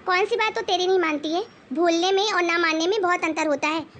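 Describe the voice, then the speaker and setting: A woman voicing a stern, wise old grandmother-in-law who scolds and lectures firmly in an animated moral story. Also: very high-pitched, fairly quick. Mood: lecturing. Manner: scolding, preachy and firm.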